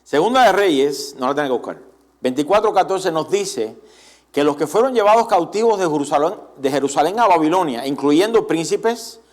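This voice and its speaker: A man preaching a Sunday sermon in church as pastor, animated and often asking the congregation direct questions. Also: on the high side.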